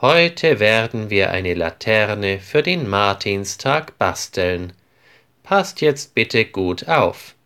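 A man's voice: on the low side, sing-song, takes it slowly, bright, forceful tone, clean tone, exaggerated voice. A man voicing a strict schoolteacher woman. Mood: cheerful. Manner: firm and scolding.

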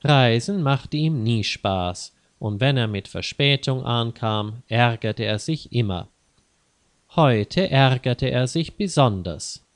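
A man narrating a scripted story slowly and carefully, clearly spaced, for language learners. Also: mid-range voice, expressive, no echo.

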